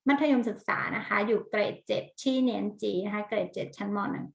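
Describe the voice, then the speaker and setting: Woman teacher, gravelly voice, roomy echo, patient, gentle, slow clear repetition for children. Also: mid-range voice, steady tone. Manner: patient, repeats words slowly and clearly; gentle, addresses pupils as children. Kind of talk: online lesson narration.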